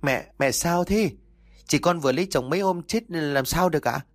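A man's voice: on the high side, normal speed, no room sound, studio quality, pitched above the performer's own voice, lightly acted. A man voicing a frightened young village daughter who stammers in alarm, in a narrated story. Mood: worried.

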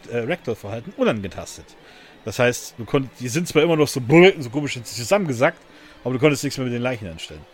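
A man hosting a casual podcast, talking loosely with many fillers and restarts and laughing often. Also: mid-range voice. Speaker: podcast host.

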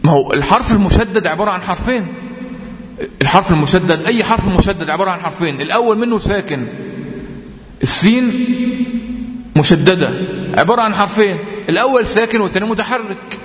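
A man with an Egyptian accent teaching Quran recitation rules, explaining patiently with lots of repetition and slowly drawn-out example readings. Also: high-pitched, animated, a bit bright. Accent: Egyptian Arabic. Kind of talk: tajweed lesson. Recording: echoey room with long reverb.

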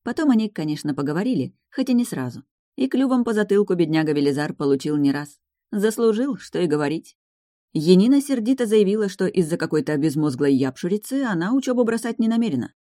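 Rich: A woman narrates a fantasy romance audiobook in calm, measured storytelling. Her voice is low and mellow. The recording is close and dry. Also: dry recording.

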